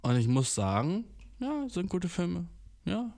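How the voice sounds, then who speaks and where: A man's voice: high-pitched, sing-song, unhurried, gravelly, a little mellow. Young man, comedic monologue, slangy and mock-arrogant, constant anglicisms, playful exaggeration. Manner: slangy youth talk full of English words; mock-cocky, jumps into exaggerated voices. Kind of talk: casual comedic rant.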